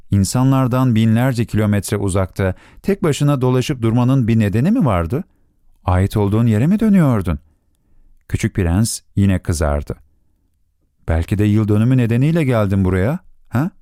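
A man reading a story aloud as narrator, in an expressive, melodic storytelling manner. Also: fairly low pitch, dry recording, clean studio sound.

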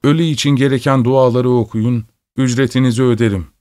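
A man's voice: medium pitch, steady tone, a little fast, mellow, no echo, studio quality, close to an everyday voice. A man voicing a timid, worn-out father in a storybook reading, speaking in short, curt lines.

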